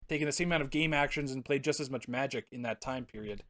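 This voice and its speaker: A man's voice: medium pitch, fast talker, a crowd in the background. A man co-hosting a casual podcast, rambling through his points, often searching for words and laughing. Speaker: podcast co-host. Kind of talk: casual chat about card games.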